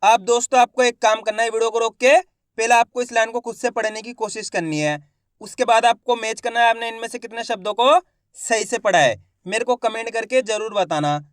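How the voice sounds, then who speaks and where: A man's voice: very high-pitched, a little fast, smooth, no echo, clean studio sound. A man teaching children's reading who sounds out each syllable and then blends the word, speaking to viewers as a friendly instructor. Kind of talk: slow syllable-by-syllable reading lesson.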